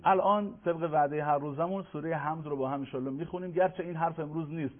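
Man, formal pronunciation lesson, chants verses slowly, somewhat high-pitched, tinny broadcast audio. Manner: patient, formal, addresses viewers politely; slows to chant Arabic verses. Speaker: Quran recitation teacher. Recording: tinny phone-like broadcast sound.

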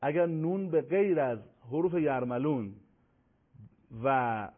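Male teacher, measured tajweed lesson, slows down to recite examples; thin phone-like sound. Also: fairly high pitch, lively intonation. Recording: tinny phone-like audio.

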